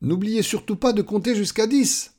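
A man voicing a kind, calm vagrant who soothes a frightened little man. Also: sits high, moderate pace, pitched above the performer's own voice. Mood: soothing. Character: kind gentle male vagrant.

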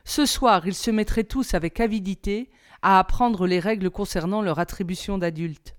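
A woman reads a novel aloud as a teacher, in calm, even storybook narration. Her voice is smooth and clear, sitting at a middle pitch. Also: moderate pace.

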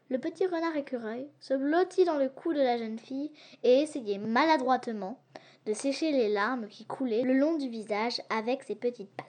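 A woman narrates an adventure audiobook with a high, clear voice. Her reading is lively and expressive, leaning into each turn of the tale. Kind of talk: storybook narration.

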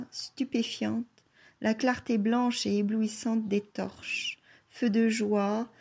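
A woman narrates a literary novel at an unhurried, deliberate pace. Her voice sits a little high and stays soft and measured throughout, like an audiobook reading. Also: creaky. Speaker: audiobook reader.

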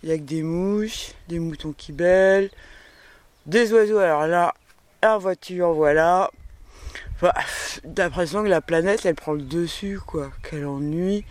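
A man's voice: on the high side, a little slow, no room sound. A man recording a casual spoken diary outdoors in the countryside, grumbling in slang about being bored.

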